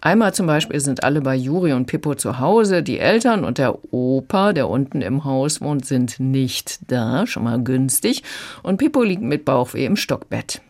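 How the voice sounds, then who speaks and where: A reviewer calmly retelling a children's audiobook in a radio conversation. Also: medium pitch, moderate pace. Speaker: book reviewer.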